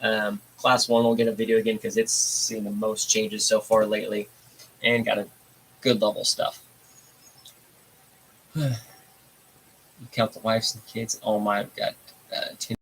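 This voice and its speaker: A man's voice: fairly low pitch, monotone, a little slow, long pauses, a bit bright, slight background noise, poor audio. Laid-back man hosting a hobby livestream. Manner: laid-back, rambling with fillers. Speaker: livestream host. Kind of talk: casual livestream chat.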